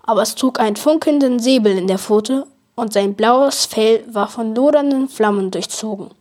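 A woman reading a children's book aloud in a steady, expressive way. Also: a little high, moderate pace. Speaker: reader.

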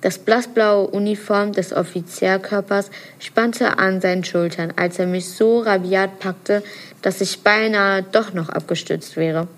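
A woman's voice: medium pitch, fairly even intonation, a little slow. A woman reading a first-person novel passage aloud, earnest and now and then stumbling and correcting herself. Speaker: reader of a novel excerpt.

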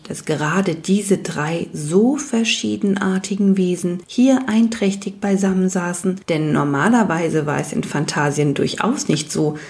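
A woman reading a fantasy storybook aloud as narrator, in a calm, even storytelling manner. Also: on the low side. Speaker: audiobook narrator.

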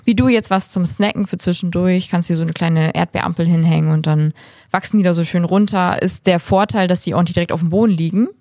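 A woman chatting casually as a podcast co-host, explaining things quickly with fillers. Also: fairly low pitch, darkish tone, no room sound, clean studio sound. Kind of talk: casual chat.

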